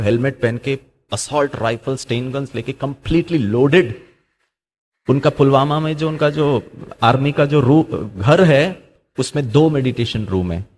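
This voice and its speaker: A middle-aged man giving a motivational talk. He slips English into Hindi, asks rhetorical questions and acts out the voices in his stories. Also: mid-range voice. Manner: acts out quoted voices while telling stories. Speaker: spiritual speaker.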